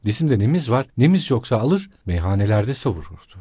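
A man's voice: mid-range voice, big pitch swings, brisk, mellow, husky, dry recording, clean studio sound. Man reading as an embittered consumptive mother. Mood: bitter, furious. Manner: angry, accusing outbursts. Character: desperate consumptive poor mother, bitter and shrill.

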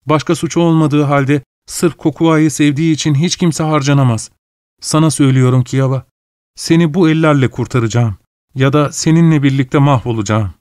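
A man's voice: on the high side, steady tone, fairly quick, darkish tone, dry recording, studio quality, close to an everyday voice. A man reading a story aloud, voicing a resolute, loving young Hawaiian wife in a raised, earnest pleading tone. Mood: determined. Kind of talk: audiobook character voice.

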